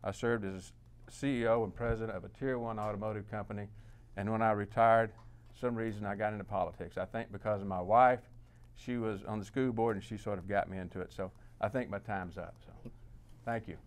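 A man's voice: on the low side, fairly even intonation, fairly quick, smooth. A man in his sixties with a Mississippi accent, giving a plain-spoken campaign statement at a candidate forum. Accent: Southern US, Mississippi. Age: 60s. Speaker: candidate for county commission.

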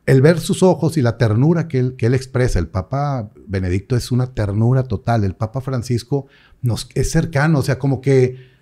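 A young adult priest chats casually in an interview. His voice is mellow and warm, pitched in a middle range, and he tells stories with lively quoted voices. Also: moderate pace. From Mexico. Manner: animated storyteller, acts out quoted voices.

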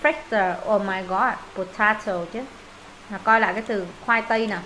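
Bright-voiced Vietnamese woman teaching English. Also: medium pitch, fairly even intonation, a little fast, a little hiss or hum, rough recording. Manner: repeats words for students, thinks aloud when unsure. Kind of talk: pronunciation lesson, explaining and modelling words.

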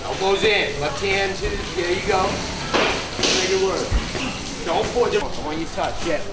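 A man's voice: sits high, measured pace. A male boxing coach calling out punch combos in short clipped commands with brief encouragement, recorded in an open gym. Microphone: camera mic a few metres away. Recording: echoey open gym, loud background noise.

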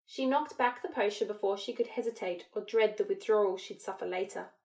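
A woman reads a fan fiction audiobook aloud. Her storytelling is steady and even. Her voice sits at a middle pitch for a woman. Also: a little fast. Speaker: audiobook narrator.

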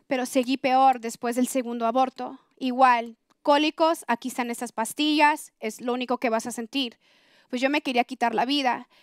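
High-pitched woman telling her life story, earnest and confessional, dry close sound. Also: clean tone, no room sound. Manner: earnest and confessional, with rising intensity. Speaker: speaker giving a conversion testimony. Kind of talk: personal testimony, told to an audience.

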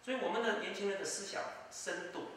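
A man's voice: high voice, fast, fairly bright tone, slight background noise. A man giving emphatic political commentary, with rhetorical asides to his listener. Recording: distant mic in an echoey room.

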